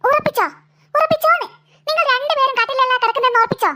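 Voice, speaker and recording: A woman's voice: extremely high pitch, rapid-fire, pushed and bright. A woman voicing a tired, scolding mother of two girls in a cartoon. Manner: nagging, exasperated scolding.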